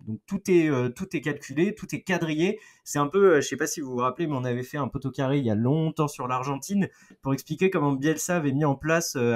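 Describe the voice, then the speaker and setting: A man in his thirties with a French accent and a voice a touch higher than most, talking through a football chronicle for a podcast. He explains with plenty of figures and slips in small jokes as he goes, keeping it lively. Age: 30s. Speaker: football columnist.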